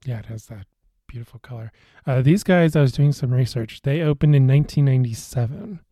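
A man co-hosting a podcast in casual beer-tasting chat, relaxed and hesitant, with many fillers and restarts. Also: mid-range voice, a little fast, no room sound, studio quality. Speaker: podcast co-host.

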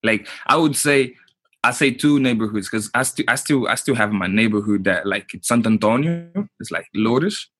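A husky, fairly low male voice, recorded dry and close. He is in his thirties and talks in a relaxed, halting way, restarting sentences and filling gaps with "you know, like.". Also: no echo. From Portugal. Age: 30s. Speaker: guest. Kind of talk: casual interview.

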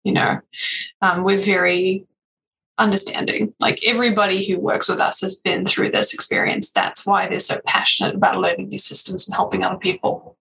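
Brief: podcast guest, female, reassuring explainer, bright tone with gravelly fry. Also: mid-range voice, flat delivery, moderate pace, low-quality recording. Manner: reassuring, explains at length with many "you know"s. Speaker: ADHD coaching service representative, podcast guest. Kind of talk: casual interview chat.

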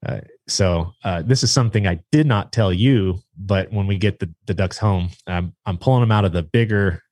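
A man casually telling a long story about training his hunting dog, rambling and animated, acting out what people said. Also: low voice, moderate pace, dry recording. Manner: rambling, animated retelling with acted-out quotes. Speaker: guest, duck hunter and dog trainer. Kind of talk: casual storytelling in a podcast chat.

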